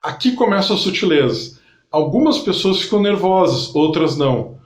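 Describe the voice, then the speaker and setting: A man teaches an online lesson, addressing the listener directly and breaking ideas into listed steps. His voice sits fairly high. The room around him rings with noticeable echo. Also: lively intonation. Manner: didactic, addresses the viewer directly, pauses to list steps. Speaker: NLP instructor. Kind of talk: explanatory online lesson to camera. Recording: roomy echo.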